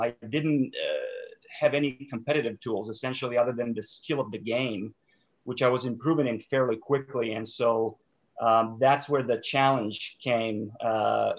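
A man from Serbia in his thirties, a sport psychologist guest speaking thoughtfully with many fillers and restarts over a video call. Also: mid-range voice. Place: small room indoors. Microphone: video call webcam. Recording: dull lo-fi call audio.

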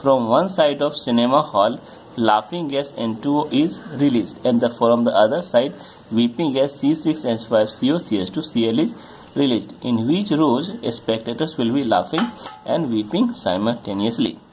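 A man tutoring chemistry, working through a solved problem in a halting way with many fillers while pointing at a diagram. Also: medium pitch, expressive, darkish tone, slight background noise. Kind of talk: explaining a solved problem on a board.

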